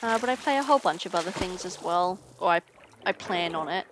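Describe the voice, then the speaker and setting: A young woman game streamer chatting casually while she plays, tired and low on energy, rambling with frequent ums. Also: animated, a little fast, over music. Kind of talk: casual chat while gaming. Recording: noisy game audio behind.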